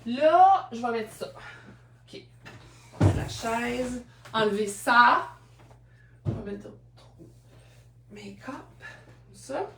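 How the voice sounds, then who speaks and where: A woman's voice: on the high side, expressive, extremely slow, pauses often, recorded from a distance, background noise. A woman with a Québécois French accent, chatting and telling stories while showing second-hand clothes on a live stream. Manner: chatty, storytelling, laughs often. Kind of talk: live-stream selling chat. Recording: roomy sound from off-mic.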